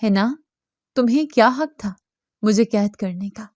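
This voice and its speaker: A woman's voice: mid-range voice, darkish tone, no echo, clean studio sound, lightly acted. A woman voicing a tormented male jinn who pleads and accuses in a plaintive, reproachful way.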